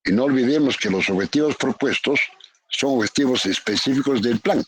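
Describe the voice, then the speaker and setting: Man lecturing slowly, repeating definitions. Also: mid-range voice, slight background noise. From Peru. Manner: calls on students by name, repeats definitions with tag questions. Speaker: university economics professor. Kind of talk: lecturing in a virtual class. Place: home, online class. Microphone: computer mic on a video call.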